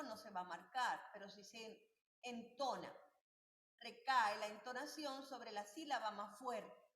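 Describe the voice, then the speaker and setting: A woman teacher from Venezuela, lecturing on a recorded class with a somewhat high voice. She explains patiently and poses rhetorical questions to her students, and the room around her is echoey. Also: fairly bright tone.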